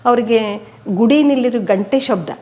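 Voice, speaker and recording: A woman's voice: on the high side, moderate pace, muffled recording. An older woman, telling family stories at home as an interviewee. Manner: steady storyteller who voices quoted people. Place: indoors at home.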